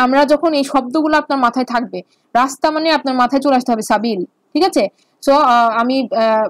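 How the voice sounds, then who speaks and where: A woman's voice: sits high, dry recording. A woman teaching basic Arabic grammar in an online lecture, explaining patiently and repeating words. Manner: explains patiently with repetition and fillers.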